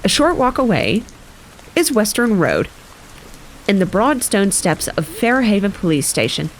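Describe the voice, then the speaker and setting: A woman's voice: mid-range voice, big pitch swings, a little slow, slight background noise. A woman streamer reading a novel aloud on a live stream, often slipping and correcting herself. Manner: reads with frequent slips and self-corrections; breaks off to comment casually. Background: soft rain ambience.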